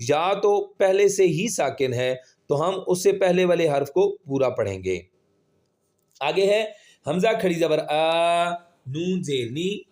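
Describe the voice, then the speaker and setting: A man teaching Quran reading, spelling out syllables slowly and patiently and drawing out the vowels. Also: high voice, a little mellow. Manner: slow, patient, drawn-out syllables when spelling. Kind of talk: spelling-out recitation lesson.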